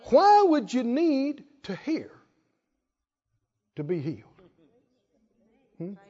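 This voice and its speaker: A man preaching from the pulpit with a very lively, swooping delivery, pausing to prompt his listeners. His words come slowly and deliberately. The recording sounds dull and lo-fi. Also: very high-pitched. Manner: emphatic preaching with call-and-response prompts. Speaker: pastor. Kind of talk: sermon.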